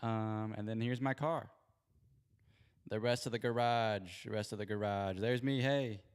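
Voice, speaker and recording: This sports-show host talks in a lowish, steady, smooth voice without hurrying. He rambles and apologizes through a casual livestream, using a spare handheld mic in a home garage that echoes.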